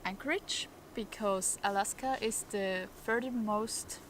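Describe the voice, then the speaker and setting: A woman, a touring cyclist, speaking English, candid and a little halting. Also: mid-range voice, a bit bright, slight background noise. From Switzerland. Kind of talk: interview recollection.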